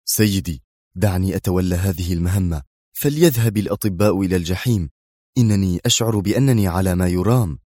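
A man voicing a grim, defiant army colonel in an audiobook. Low and severe, he speaks in short, hard sentences, with a dry sound. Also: fast, mellow, no room sound. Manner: severe, clipped.

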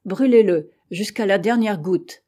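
A woman's voice: mid-range voice, unhurried, slightly rough. Woman reading as a grave, stern sea captain. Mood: commanding. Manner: grave, curt, forceful. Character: stern obsessed male ship captain.

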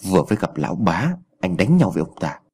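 A worn-down young husband speaks with weary resentment that can flare into defiance, voiced by a man narrating. The voice is low, husky and lively in pitch. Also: fast talker, heavily acted. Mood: strained. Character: worn-down, hard-pressed young village husband.

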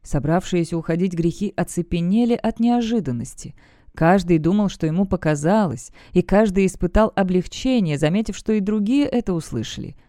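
Fantasy audiobook narrator, mellow and smooth, dry close recording. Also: medium pitch, lively intonation, brisk, no room sound.

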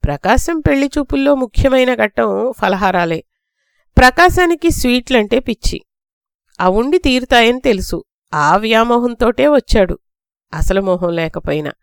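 Older female narrator, animated reading with character voices, slightly high, crisp tone. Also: normal speed, no room sound, clean studio sound. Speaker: narrator reading her own story. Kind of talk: storytelling narration.

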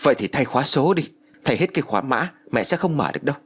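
A man's voice: mid-range voice, lively intonation, fast, slightly rough, voice pushed up. A man voicing a stern eldest brother who speaks in a curt, scolding way, in a spoken ghost-story audiobook.

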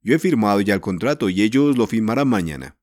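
Man playing a gruff, stern uncle. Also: fairly low pitch, expressive, quick pace, darkish tone, dry recording, studio quality. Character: gruff, bad-tempered middle-aged uncle.

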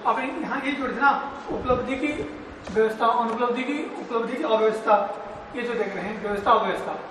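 A man's voice: extremely high pitch, fairly quick, background noise. A man with an Indian accent, a student arguing his reading insistently in a classroom debate. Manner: insistent, argumentative. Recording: echoey hall, far from mic.

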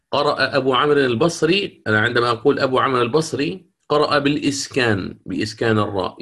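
A man teaching a class on Quranic recitation rules, asking the class questions and modeling each word in slow, drawn-out recitation. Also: mid-range voice, creaky, fairly bright tone, slightly rough. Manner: asks the class questions and answers them himself. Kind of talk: recorded lecture on Quranic readings.

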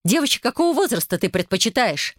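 A reader voicing an enraged mother who hurls shrill accusations, read as an audiobook character. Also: fairly quick, no echo, clean studio sound, natural voice. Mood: accusing. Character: enraged mother confronting a predator.

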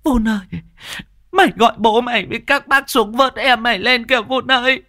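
A man voicing a grief-stricken old village mother who wails and keens in a shrill lament. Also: brisk, sharp tone, no echo, clean studio sound, full character voice. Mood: wailing grief.

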